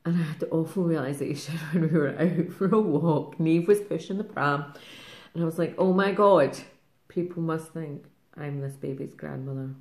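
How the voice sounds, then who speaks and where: Casting note: middle-aged Scottish woman, low-pitched, rambling craft-vlog chatter, roomy echo. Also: fairly even intonation, mellow. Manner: rambling, fast-talking, laughs often. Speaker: craft vlogger. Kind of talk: casual chat to camera.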